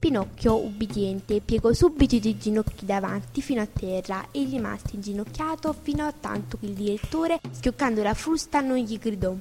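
A woman narrating a classic children's tale in an expressive, measured audiobook reading. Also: mid-range voice. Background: background music.

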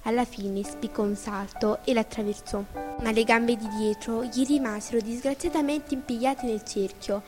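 A woman narrating a classic children's tale in an expressive, measured audiobook reading. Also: a little high. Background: background music.

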